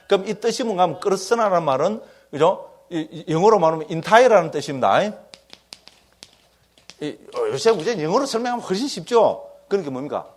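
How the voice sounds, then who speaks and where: A Korean Buddhist monk with a slightly high voice gives a folksy, joking dharma lecture, constantly checking in with his listeners.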